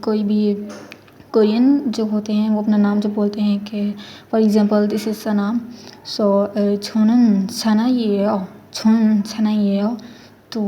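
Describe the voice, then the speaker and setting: A young woman teaching a casual beginner language lesson, switching into English phrases and slowly drawing out example words. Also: mid-range voice, mellow, slight background noise. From Pakistan. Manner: mixes English phrases into Hindi-Urdu.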